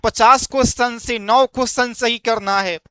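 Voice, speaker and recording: A man's voice: very high voice, fairly even intonation, moderate pace, sharp tone, smooth, dry recording. A man teaching an exam-prep lesson, explaining step by step and asking quiz-style questions that he then answers himself.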